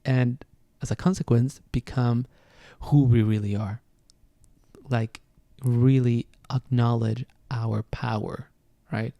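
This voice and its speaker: A podcast host with a Venezuelan Spanish accent, Spanish being his native language, talks through astrology alone in a casual, reflective way, often hunting for the right word. The dry recording captures a gravelly, warm mid-range voice, steady and slow.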